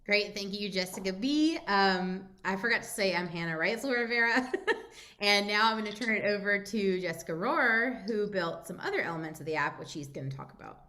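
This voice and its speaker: A woman giving an informal software demo as the lead presenter, with a hesitant, slightly nervous delivery. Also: mid-range voice, animated, brisk. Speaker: project presenter.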